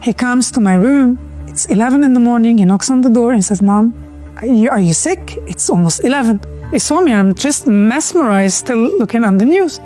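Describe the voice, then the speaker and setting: A middle-aged woman tells her own story in an earnest, measured voice. Her voice sits a little on the high side. Faint music plays underneath. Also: animated, dark tone. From Lebanon. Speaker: activist telling her story. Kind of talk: personal testimony.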